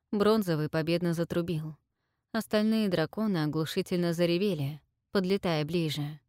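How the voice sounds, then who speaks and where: A woman reading a fantasy novel aloud as narrator, in a measured, even storytelling manner. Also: on the low side, no echo, studio quality. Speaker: audiobook narrator.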